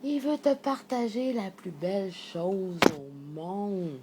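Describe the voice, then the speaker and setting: A woman's voice: mid-range voice, slow, noisy background. A woman with a Québécois accent speaking in a casual vlog monologue. She is emphatic, rambling and swears freely. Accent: Québécois French. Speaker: vlogger sharing her thoughts. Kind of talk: casual spoken monologue to camera.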